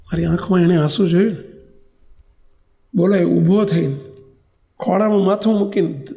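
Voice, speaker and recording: A man's voice: high voice, normal speed, gravelly, warm tone. A man with a Gujarati accent who is a monk preacher, telling a story in a sermon and acting out the dialogue.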